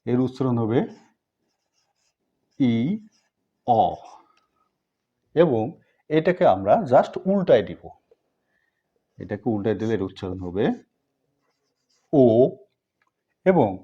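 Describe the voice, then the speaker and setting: A male teacher walks viewers through a lesson at an unhurried, patient pace, pausing between each sound he drills. His voice is mellow and darker in tone. The recording is a bit dull and lo-fi. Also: medium pitch, sing-song. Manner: slow, repetitive drilling with pauses; patient, addresses viewers directly. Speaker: language teacher. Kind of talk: step-by-step language lesson.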